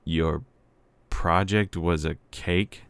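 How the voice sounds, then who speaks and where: A man playing a patient, baffled investigator, questioning in a deadpan way in comic dialogue. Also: deep voice, extremely slow, vocal fry, smooth, no echo, full character voice. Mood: baffled, dry. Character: deadpan male investigator taking statements, baffled but patient.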